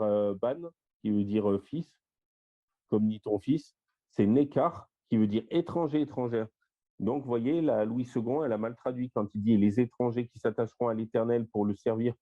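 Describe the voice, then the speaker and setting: A man leading an online Bible study over a shared screen, listing word meanings one by one with plenty of fillers. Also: fairly low pitch. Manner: lists word meanings in a slow, step-by-step way with fillers. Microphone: voice-call microphone. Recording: dull lo-fi voice-call audio.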